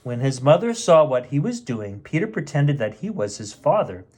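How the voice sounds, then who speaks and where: In a medium-pitched, sing-song and slightly mellow voice, a middle-aged storyteller reads a picture book at a moderate pace for his bedtime story show. He keeps things light with playful, chatty asides aimed at children.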